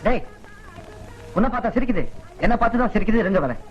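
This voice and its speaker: An actor playing a nervous, brash young sidekick in a film comedy. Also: male voice, high voice, lively intonation, fast, faint music behind, low-quality recording. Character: jittery young sidekick friend. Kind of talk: Tamil film comedy acting.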